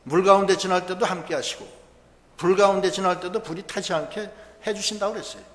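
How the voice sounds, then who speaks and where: A man preaches in a church, explaining scripture in a conversational, emphatic way. His voice sits a bit high for a man. The sound is roomy, with a long hall tail. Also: steady tone, fast talker, fairly bright tone. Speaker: pastor. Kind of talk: sermon. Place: church sanctuary.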